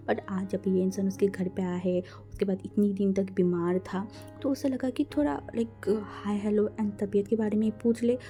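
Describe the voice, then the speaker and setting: A woman telling a fan fiction story in a loose, chatty manner, peppering it with fillers and restarts. Her voice is very dark and mellow, at a middle pitch, and soft music plays faintly behind.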